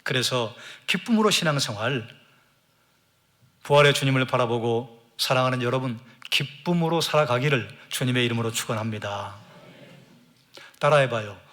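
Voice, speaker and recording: A man's voice: mid-range voice, fairly bright tone. Congregation-engaging Korean male pastor. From South Korea. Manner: has the congregation repeat phrases after him; poses rhetorical questions and answers them himself. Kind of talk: Sunday sermon.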